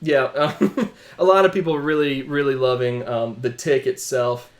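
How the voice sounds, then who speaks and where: A man's voice: medium pitch, steady tone, a little slow. A man, probably in his thirties, chatting casually and enthusiastically as a fan co-hosting a live show. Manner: enthusiastic, fannish.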